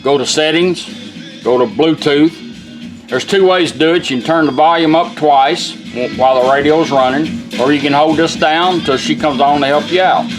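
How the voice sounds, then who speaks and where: In a rough recording with music playing underneath, a man with a fairly high voice talks at a normal speed. He gives a folksy, informal hands-on product demo, walking through each step like a teacher.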